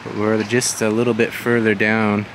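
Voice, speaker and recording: This forties-aged vlogger narrates his casual waterfront walk in a lowish, monotone voice at a moderate pace. Loud wind and ambient outdoor noise dominate the handheld camera mic recording.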